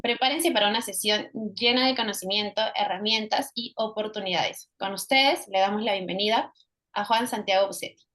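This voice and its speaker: A woman's voice: mid-range voice, moderate pace, fairly bright tone. A woman hosting an online event, reading a formal introduction of the guest speaker. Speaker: event host. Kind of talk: scripted announcement.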